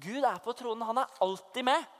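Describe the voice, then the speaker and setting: A young man with a high-pitched voice preaches a personal testimony as a church youth leader. He speaks fervently, dropping to hushed asides and then rising into loud proclamation. The voice carries a long reverb from a large church hall. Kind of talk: sermon testimony.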